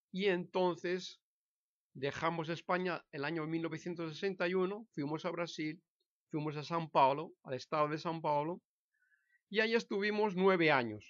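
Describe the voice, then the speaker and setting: A man in his sixties from Spain with a Spanish accent, telling his own story to camera in a halting way, often restarting and correcting himself. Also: fairly high pitch, a bit bright, no echo, highs cut off. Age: 60s. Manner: hesitant, halting, with frequent restarts and self-corrections. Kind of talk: casual personal monologue to camera.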